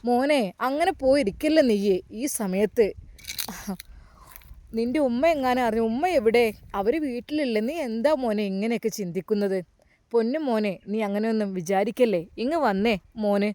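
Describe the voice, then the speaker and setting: A man's voice: extremely high pitch, normal speed, a little mellow. A woman doing a fussing old mosque caretaker. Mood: gentle coaxing. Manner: coaxing, repeats tender address, many questions. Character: kindly elderly male mosque caretaker, fussing and fatherly.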